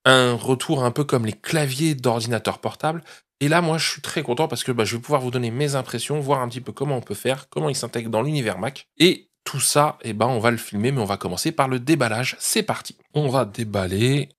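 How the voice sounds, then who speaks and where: A man's voice: mid-range voice, a little fast. A man hosting a tech channel, chatting casually through a product review and explaining each step, often checking in with his viewers.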